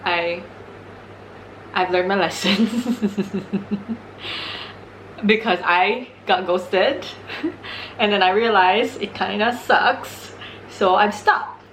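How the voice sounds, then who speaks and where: A woman's voice: medium pitch, extremely slow, long pauses, a bit bright, a little hiss or hum, rough recording. A young woman chatting casually and candidly as a mukbang host, giggly and swearing freely. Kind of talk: casual real-talk chat over a meal.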